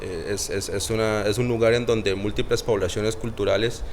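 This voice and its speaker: A man's voice: fairly low pitch, steady tone, moderate pace, slight background noise. A Costa Rican man, a doctor and podcast guest, talking casually with many fillers. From Costa Rica. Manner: hesitant, many fillers and tag questions. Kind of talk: casual interview chat.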